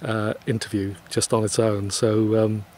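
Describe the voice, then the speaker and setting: Husky-voiced male hill interviewer. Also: fairly low pitch, level tone, unhurried, a little mellow. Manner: polite, hesitant with many fillers. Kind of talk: conversational interview.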